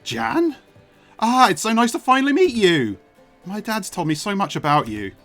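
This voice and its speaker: A streamer voicing Frigg, an eager young woman newcomer arriving on an island, who sounds bright and a little awkward. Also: medium pitch, big pitch swings, moderate pace, faint music behind, pitched above the performer's own voice. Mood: excited.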